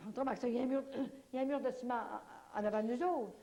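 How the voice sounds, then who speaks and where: A woman with a Québécois French accent giving a spoken religious testimony to an audience, telling her story in an animated, folksy way full of little fillers. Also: a little high, very fast.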